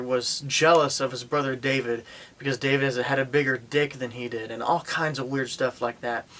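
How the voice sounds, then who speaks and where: A man gives a loose, chatty spoken movie review, retelling the plot with frequent hesitations and fillers. His voice sits at an ordinary middle pitch but sounds bright and forceful, and he tosses in sarcastic asides.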